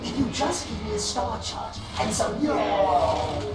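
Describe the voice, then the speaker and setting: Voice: mid-range voice, big pitch swings, slow pace. An actor voicing a chatty, malfunctioning navigation robot in a video game, booting up and shutting down in a formal, salesy announcer tone. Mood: relieved. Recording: very echoey, distant game audio with music. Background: game music.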